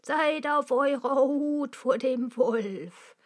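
A woman voicing a caring old mother goat in a fairy tale, slow and earnest. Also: high voice. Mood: warning.

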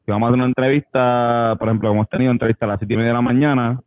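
A man's voice: mid-range voice, flat delivery, very fast, no echo, phone-quality sound. A man chatting loosely as a band member guest, swearing and laughing often. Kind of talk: casual interview chat.

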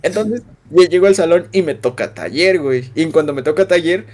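Young man, Mexican accent, podcast host, excitable, slangy, high voice, very animated. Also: fairly quick. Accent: Mexican Spanish. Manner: excitable, laughing, full of slang. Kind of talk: casual storytelling chat.

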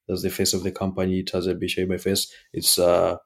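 A man's voice: low-pitched, monotone, brisk, gravelly. A man from Kenya with a Kenyan accent, a startup founder talking hesitantly as a podcast guest. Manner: hesitant, many restarts and fillers. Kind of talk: casual podcast interview.

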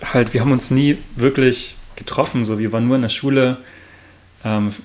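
A young man in casual chat with an old school friend, relaxed and talkative, asking many questions. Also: medium pitch, normal speed.

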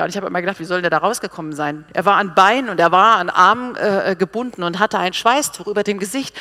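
A woman preaching a sermon, telling stories and acting out the people she quotes with lively pauses and hesitations. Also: medium pitch. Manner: lively storytelling, animated quoting of others, with pauses and hesitations.

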